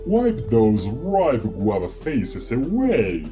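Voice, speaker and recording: A man's voice: mid-range voice, full character voice. A man voicing a cheerful, chatty robot satellite with a robotic, sparkling voice and theatrical delivery. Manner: theatrical, lively, drawn-out delivery. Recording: soft music underneath.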